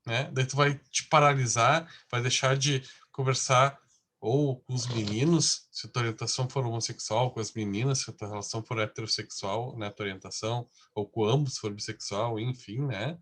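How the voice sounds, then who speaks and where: A man's voice: medium pitch, steady tone, normal speed, fairly bright tone. Male lecturer, conversational class delivery with constant tag questions.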